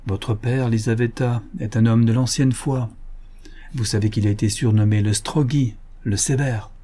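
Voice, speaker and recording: A man's voice: medium pitch, steady tone, moderate pace, dark tone, lightly acted. A man voicing a grave, cold young merchant in an audiobook, speaking severely. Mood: stern.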